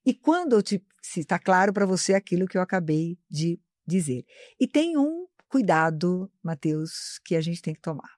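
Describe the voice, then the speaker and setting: Speaking live as a guest in a studio interview, a woman who teaches marketing explains communication in an instructive, lecturing style and addresses the host by name. Her fairly low, sing-song voice is a little mellow and moves at a normal speed, recorded cleanly in the studio with no echo.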